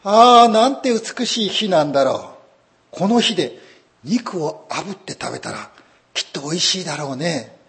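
A nagging, greedy old wife from a folk tale, put on by a male preacher speaks in a raised, shrill voice. Her pitch swoops widely as she coaxes and scolds. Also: big pitch swings, normal speed. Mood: dreamy. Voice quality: high, shrill when upset. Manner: coaxing, then shrieking. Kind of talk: folk tale told in a sermon.

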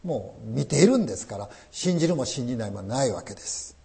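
A man's voice: mid-range voice, big pitch swings, quick pace, gravelly, mellow. A man preaching a sermon as pastor, emphatic and full of rhetorical questions.

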